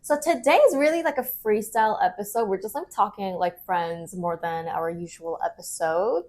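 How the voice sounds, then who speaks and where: A woman's voice: mid-range voice, moderate pace, a little mellow. A young woman from Korea co-hosting a podcast, chatting casually with lots of "like" and easy laughs. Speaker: podcast co-host. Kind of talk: casual chat.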